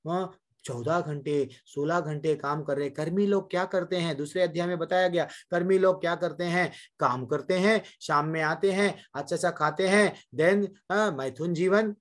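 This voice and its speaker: A man with a somewhat raised pitch delivers a devotional sermon to a class. He speaks to his listeners directly as mothers and brothers and asks them rhetorical questions. He mixes English words into his Hindi as he goes. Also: normal speed.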